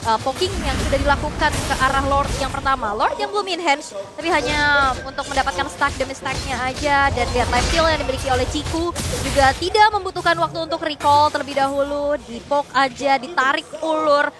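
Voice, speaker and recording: A woman with an Indonesian accent giving live esports commentary and analysis in an animated, reactive way. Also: high-pitched, brisk. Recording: music and crowd behind voice.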